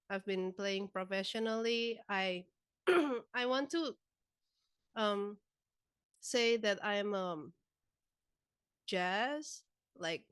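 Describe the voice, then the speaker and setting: A woman speaks as a guest in a relaxed interview. She talks slowly, often stopping for filler words. Her voice is smooth and clean, recorded close and dry. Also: mid-range voice, no echo. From Indonesia. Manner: relaxed, chatty, many filler "like"s. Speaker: guest musician. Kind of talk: casual interview chat.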